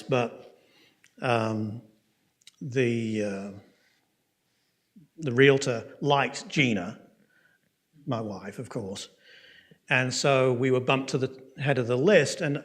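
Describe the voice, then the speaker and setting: A man with an English accent teaching a Bible course. He tells a personal story in a conversational way, checks in with his listeners and speeds up and slows down as he goes. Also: mid-range voice, a bit bright. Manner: frequent fillers and restarts, pace swinging quick and slow. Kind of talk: lecture with personal testimony.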